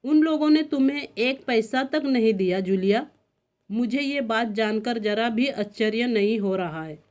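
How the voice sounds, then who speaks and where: A woman reading out the lines of an indignant man who scolds his maid in a loud, trembling voice. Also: on the high side, lively intonation, measured pace. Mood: agitated. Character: angry middle-aged male employer scolding his maid.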